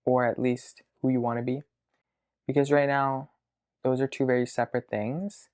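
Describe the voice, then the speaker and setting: A man of about twenty talking to his future self in a video diary from his childhood bedroom, hesitant and reflective, pausing to think aloud. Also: medium pitch, level tone, darkish tone. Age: around 20. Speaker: vlogger.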